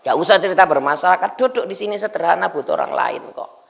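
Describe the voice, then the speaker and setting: Fast-talking and animated, a preacher with a high, creaky, slightly bright voice teases the mosque congregation during a funny dawn sermon, dropping frequent "Pak" asides. It's captured as a dull lo-fi recording with a big-room sound.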